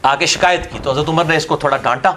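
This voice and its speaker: Combative high-voiced man. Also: pushed and bright, a little hiss or hum. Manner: combative, scornful, asks rhetorical questions. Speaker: guest answering questions. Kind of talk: heated religious debate talk.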